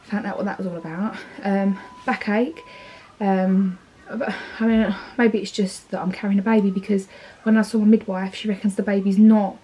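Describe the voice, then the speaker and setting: A woman's voice: mid-range voice, fairly even intonation, normal speed, dark tone, slightly rough, poor audio. A heavily pregnant woman in her thirties with an Essex accent, chatting casually in a vlog, rambling with fillers and restarts and sounding tired. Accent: Essex English. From England. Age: 30s. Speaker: vlogger.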